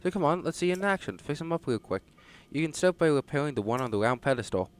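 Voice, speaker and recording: A man voicing an eager male researcher who talks quickly and excitably. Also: on the high side, a little hiss or hum, voice pushed up, natural voice.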